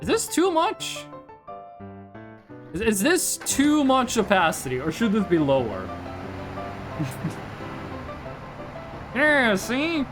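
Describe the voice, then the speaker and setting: Joking, animated live game streamer. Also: medium pitch, takes it slowly, pauses often, music in the background. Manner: joking, talks to chat, swears casually. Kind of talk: casual live gaming commentary.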